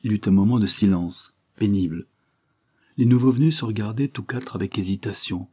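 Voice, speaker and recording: A man narrating a classic novel as an audiobook, in a steady, even reading. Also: on the low side, normal speed, husky. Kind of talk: scripted narration.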